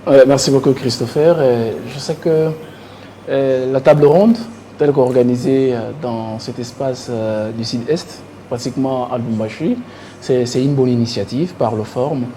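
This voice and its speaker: A Congolese-accented man gives political debate commentary in French as a panelist, repeating words while searching for the right phrasing. His medium-pitched voice is warm and moderately paced, and the studio recording is clearly noisy.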